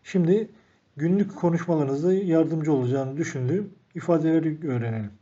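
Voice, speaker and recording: A man teaching an English lesson, reading each phrase out and then explaining it calmly to the viewers he calls friends. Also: fairly high pitch, a little fast. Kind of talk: recorded language lesson. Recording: dull lo-fi recording.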